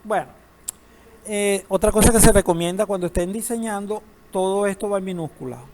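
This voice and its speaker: A man's voice: high voice, fairly quick, darkish tone. A man teaching a database class, lecturing in a classroom, asking students questions and joking now and then. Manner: asks the class questions, uses humor.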